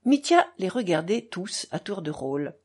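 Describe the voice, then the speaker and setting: A woman narrating a novel as an audiobook, in a low, subdued and measured tone. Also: big pitch swings, darkish tone, husky.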